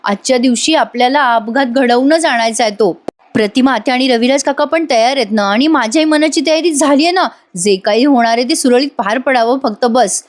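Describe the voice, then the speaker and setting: A woman's voice: high voice, a little fast, natural voice. A woman voicing an anxious, insistent young wife. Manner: worried, urgent.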